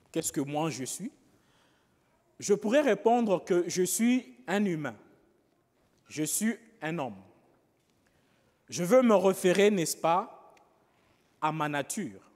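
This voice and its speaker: A man, a priest, preaching a homily in a slow, pausing way, often adding rhetorical asides to the congregation. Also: sits high, a little mellow, big-room sound. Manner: slow, pausing, with frequent rhetorical "n'est-ce pas".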